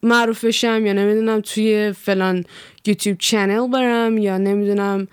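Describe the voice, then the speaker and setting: A young woman from Iran, a vlogger talking in a blunt, profane, animated rant, laughing as she goes. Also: medium pitch, smooth, dry recording, clean studio sound. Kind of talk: casual chat.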